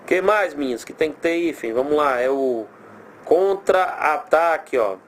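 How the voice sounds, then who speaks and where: A man with a Brazilian accent teaching a recorded grammar lesson, animated, drawing out example words slowly and asking himself rhetorical questions. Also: medium pitch, a little hiss or hum.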